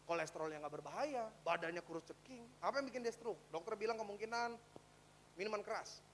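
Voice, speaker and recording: High-voiced preacher. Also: male voice, a little fast, slight background noise. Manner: lively preaching, swinging between loud exhortation and quiet storytelling. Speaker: pastor. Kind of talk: sermon.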